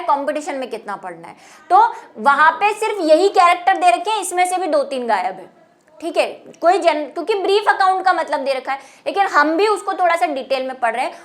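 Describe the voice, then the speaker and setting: High-voiced woman teaching biology. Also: fairly bright tone. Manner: explanatory, repeats key terms in Hindi and English. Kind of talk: classroom lecture.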